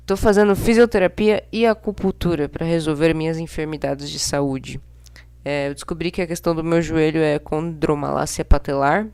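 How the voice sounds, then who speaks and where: Casting: young Brazilian woman, low-pitched voice, blunt and exasperated vlogger with casual slangy delivery. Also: darkish tone. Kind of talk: casual opinionated monologue to camera.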